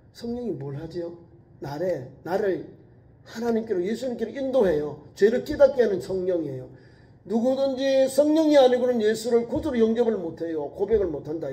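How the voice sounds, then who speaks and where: Male pastor, sermon; high-pitched yet very mellow voice, emphatic repeated exhortations. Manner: swings between raised urgent lines and low quiet asides. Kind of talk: sermon at a midweek prayer service.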